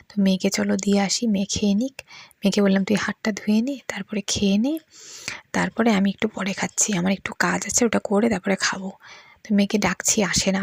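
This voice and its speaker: A middle-aged woman with a Bengali accent, chatting in a soft whisper through a voice-over recorded at night. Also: mid-range voice, vocal fry, breathy edge, no echo, studio quality. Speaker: vlogger.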